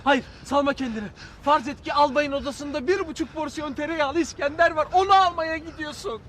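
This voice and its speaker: A man's voice: extremely high pitch, brisk, a bit bright, slight background noise. An actor playing a cheeky young male conscript in a TV sitcom, who slips into mock sports-commentator patter. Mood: coaxing. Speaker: soldier. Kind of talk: TV sitcom acting.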